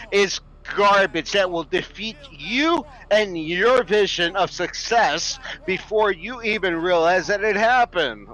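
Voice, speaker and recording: A man's voice: high-pitched, a bit bright, rough recording. A man in his thirties ranting to his stream viewers in a preachy, profane and emphatic way. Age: 30s. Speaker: livestreamer. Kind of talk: impassioned rant to stream viewers.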